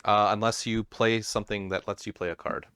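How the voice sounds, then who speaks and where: A man's voice: fairly low pitch, little pitch movement, a little fast, sharp tone, clear, resonant tone, no room sound, clean studio sound. A man hosting a casual board game stream, explaining the rules with self-deprecating asides. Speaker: host.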